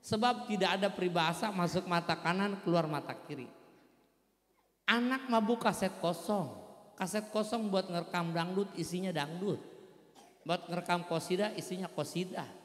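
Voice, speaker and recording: A man preaching with a Betawi accent, telling jokes and stories in an animated comic style. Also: sits high, moderate pace. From Jakarta. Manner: joking, animated storytelling with playful voices. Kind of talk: comic religious lecture. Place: large hall at a religious gathering. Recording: echoey hall with long reverb.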